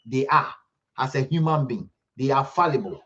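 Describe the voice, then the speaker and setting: A man's voice: medium pitch, normal speed, a bit bright, highs cut off. A man hosting an online commentary livestream, talking emphatically, repeating himself and pleading with viewers.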